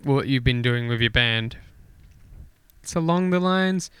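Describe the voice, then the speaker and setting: A man's voice: medium pitch, expressive, a little slow, a bit bright, clear, resonant tone, no echo. A young Australian man co-hosting a podcast in casual chat, playful and laughing often. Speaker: podcast co-host. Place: studio.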